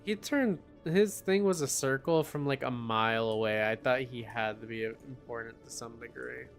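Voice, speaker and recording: A man's voice: mid-range voice, moderate pace. A tired young man streaming a game, musing and muttering to himself as he plays. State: tired, yawning. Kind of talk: casual live-stream gaming chat. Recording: game music under the voice. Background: game music.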